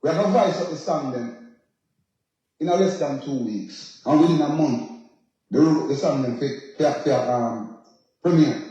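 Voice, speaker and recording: Man, Jamaican accent, patois-laced casual storytelling, mellow tone, heavy room echo, interview guest. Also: on the high side, a little slow, pauses often, dull audio. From Jamaica, left as a youth. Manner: patois-laced, often checks the listener understands. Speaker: dancehall singer, interview guest. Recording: very echoey, roomy sound.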